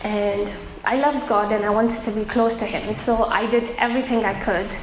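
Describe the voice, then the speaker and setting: A woman from Afghanistan giving an earnest personal testimony, pausing often with fillers. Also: mid-range voice, fairly even intonation. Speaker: testimony speaker. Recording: echoey room with faint noise.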